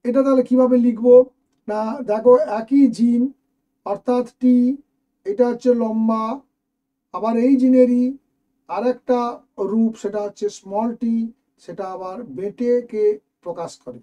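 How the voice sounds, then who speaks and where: A man teaching, with a high voice and a dark, mellow tone. He goes through exam questions one at a time and talks straight to his students as he explains each answer. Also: steady tone, unhurried, pauses often, lo-fi sound. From West Bengal, India. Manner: explains step by step, addressing students directly. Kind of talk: exam question walkthrough lesson.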